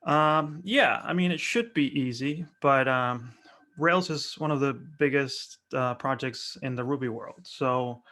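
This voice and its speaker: A man from Argentina presenting a software workshop over a video call, friendly and relaxed with frequent fillers. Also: mid-range voice. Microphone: webcam video call.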